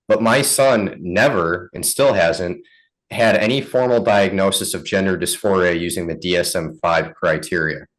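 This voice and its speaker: A father giving an interview, recounting events in a measured, earnest way. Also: low voice, a bit bright, poor audio. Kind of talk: interview answers.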